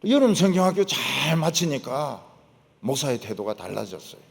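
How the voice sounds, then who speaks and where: Gravelly older preacher with wild pitch swings. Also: male voice, sing-song, normal speed. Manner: emphatic preaching, repeats lines, drops to low asides. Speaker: pastor. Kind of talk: sermon. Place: church sanctuary. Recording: long church hall reverb.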